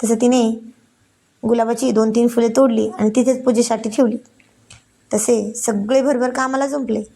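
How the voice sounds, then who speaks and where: A woman narrating a story in a plain, steady storytelling manner. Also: on the high side, normal speed.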